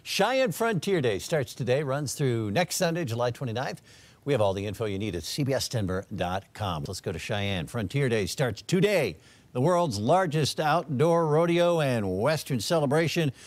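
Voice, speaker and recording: Studio anchor, man, animated pitch, dry close sound, easygoing delivery. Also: moderate pace, dry recording. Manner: friendly and easygoing. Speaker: news anchor. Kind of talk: morning TV news anchoring.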